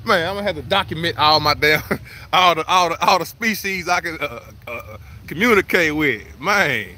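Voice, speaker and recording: A man vlogging live at an outdoor zoo, joking loudly in slangy banter. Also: fairly high pitch, animated, moderate pace. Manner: loud, joking, slangy banter with frequent laughs. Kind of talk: casual live vlog.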